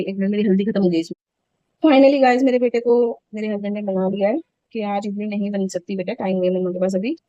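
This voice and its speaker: Mellow-voiced woman vlogging at home. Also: mid-range voice, no room sound, muffled recording. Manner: chatty, indignant storytelling. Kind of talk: casual vlog chat.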